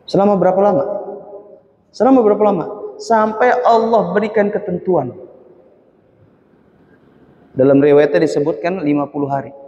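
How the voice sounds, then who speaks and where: A man preaching to youth in a mosque, telling a story with rhetorical questions and quick self-corrections. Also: high-pitched, dark tone. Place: mosque hall. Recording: echoey hall, dull lo-fi sound.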